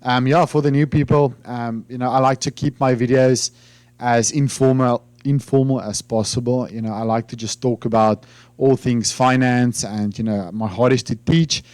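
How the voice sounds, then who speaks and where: A South African finance YouTuber, whose first language is Afrikaans, talks informally to camera for his channel with a medium-pitched, darkish voice. His intonation stays fairly even at a moderate pace, and the recording is dry. He rambles and hesitates, with plenty of fillers and restarts.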